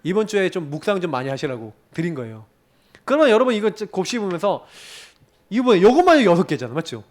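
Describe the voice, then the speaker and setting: A middle-aged man preaching a sermon as pastor, swinging between loud emphatic questions and quiet, confiding storytelling. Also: sits high, big pitch swings, fast talker. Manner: asks the congregation questions and answers them himself.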